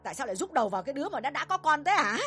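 In an audio drama, a woman plays a bossy middle-aged mother who furiously berates her son in rapid, shrill tirades. Her high voice leaps up and down, very animated, and the scolding never lets up while faint music plays underneath.

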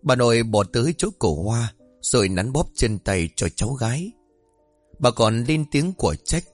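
A man narrating a ghost story in a steady, dramatic storytelling voice. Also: mid-range voice, normal speed, husky. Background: faint music.

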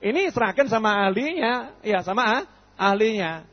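A man gives an animated sermon, quizzing his listeners and answering himself. His voice sits high and sounds husky. The recording is dull and lo-fi, with long reverb from a hall. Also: moderate pace. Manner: animated, asks and answers his own questions. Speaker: preacher. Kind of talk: lively sermon with acted dialogues.

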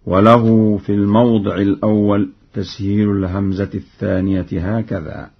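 A man explaining Quran reading variants in measured formal speech, breaking into chant for the verses he cites, on an archive radio recording. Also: lowish voice, level tone, husky, muffled recording. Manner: slow, deliberate, breaks into chant for cited verses.

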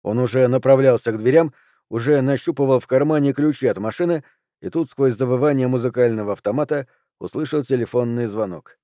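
A man narrating an audiobook in a steady, even storytelling manner on a close mic. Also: mid-range voice, fairly quick, dry recording. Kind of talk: scripted narration.

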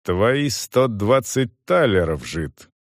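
A man's voice: medium pitch, expressive, a little slow, dry recording, clean studio sound, lightly acted. A man doing a cold, menacing veteran soldier. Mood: cold threat. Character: cold, hard veteran male soldier-constable.

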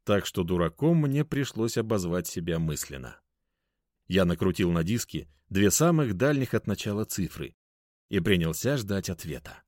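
A man's voice: deep voice, sing-song, moderate pace, darkish tone, no echo, clean studio sound. A man narrating a story expressively as an audiobook reader.

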